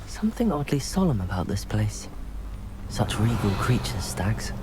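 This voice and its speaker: A man playing a young wizard student in a video game, curious and composed, musing to himself in measured, scripted lines. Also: fairly low pitch, very animated, background noise.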